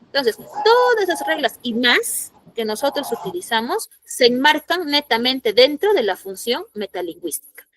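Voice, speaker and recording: High-voiced teacher quizzing her class. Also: big pitch swings, normal speed, fairly bright tone. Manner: explanatory, asks the class questions. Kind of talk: classroom lesson to students.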